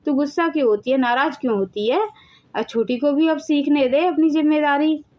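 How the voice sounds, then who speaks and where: A firm, commanding mother-in-law, voiced by a woman who rules the house in an animated family drama. Her voice is high and her tone leaves no room for argument. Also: fairly quick, dull audio, close to an everyday voice. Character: bossy middle-aged mother-in-law, head of household.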